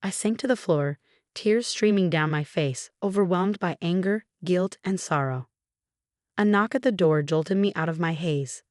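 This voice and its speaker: Woman narrator for a scripted audio story, low, dry, even delivery. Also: normal speed, dry recording.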